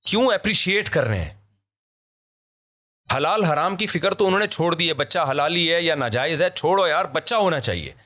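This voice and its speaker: A man from Pakistan, a vlogger, talking in a casual discussion as an animated, emphatic storyteller who laughs often. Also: on the high side, moderate pace.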